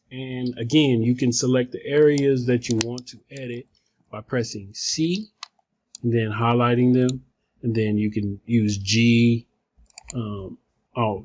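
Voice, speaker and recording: A man with a mid-pitched voice walks through software in an informal way, thinking aloud as he goes. The sound is dull and lo-fi, picked up by a phone placed away from him. He rambles casually like someone presenting a homemade tutorial. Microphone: phone, some distance away. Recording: dull phone recording, distant from mic.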